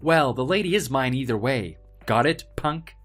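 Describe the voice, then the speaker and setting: An actor playing an arrogant, spoiled young heir who bullies office workers in a dramatized story, with a mocking, pompous manner. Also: male voice, medium pitch, animated, normal speed, soft background music. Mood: mocking, threatening. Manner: mocking, pompous, loud swings of emphasis.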